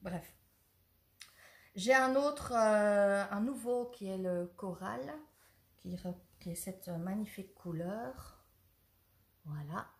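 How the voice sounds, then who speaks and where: A woman's voice: mid-range voice, slow pace, long pauses. Shop-owner woman, mid-range voice, eager and rambling product demo, echoey room. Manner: chatty, enthusiastic, loses her thread. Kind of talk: casual product demonstration. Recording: roomy echo.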